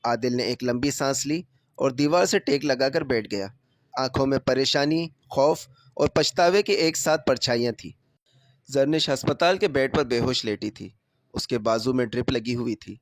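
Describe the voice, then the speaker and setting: A man narrating a serialized novel in an even, measured reading voice. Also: medium pitch, dry recording, clean studio sound. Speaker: story narrator.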